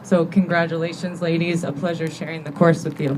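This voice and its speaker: A woman's voice: low voice, little pitch movement, noisy background. Teary, grateful woman giving a thank-you speech. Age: 30s. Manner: earnest, grateful, gets teary and halting. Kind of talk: emotional acceptance speech. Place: banquet hall with an audience.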